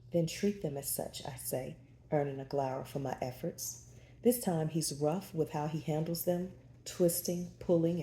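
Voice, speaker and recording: Female narrator, low and dark-toned, intimate first-person romance reading; roomy echo. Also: a little hiss or hum. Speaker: audiobook narrator.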